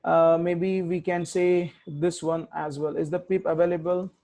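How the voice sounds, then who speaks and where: A tech instructor talks himself through a live coding tutorial, muttering and correcting course as he types commands. He has a slightly high, warm voice with a level tone and a measured pace.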